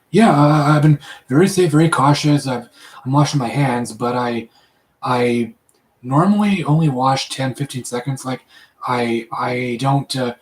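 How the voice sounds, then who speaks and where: A man chats casually on a live stream, and he keeps restarting his sentences with repeated words and lots of ums. His pitch sits in the middle for a man. The sound has a roomy echo. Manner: halting, many repetitions and fillers. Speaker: live chat host. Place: his room.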